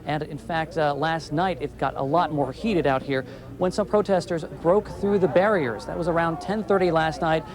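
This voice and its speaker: With a fairly high-pitched voice and a moderate pace, a television field reporter gives a live news report outside on a city street. The background is full of crowd and street noise.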